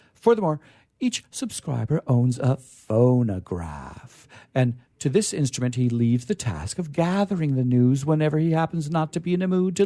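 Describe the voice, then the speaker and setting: At a literature reading, a man gives a dramatic reading of a vintage science fiction story, formal and oratorical in bearing. His medium-pitched voice is dark and relaxed with a gravelly creak, captured in a close, dry recording. He reads theatrically, pausing for emphasis and drawing out key words.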